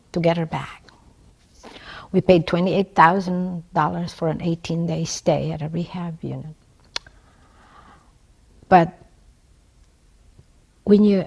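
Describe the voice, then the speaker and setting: A woman in her sixties from La Union in the Ilocos region of the Philippines, whose first language is Ilocano, tells her personal story in an interview with a Filipino accent. A nurse and community activist, she is earnest and emphatic and often adds "right?". Her voice is lowish, mellow, with vocal fry and a breathy edge.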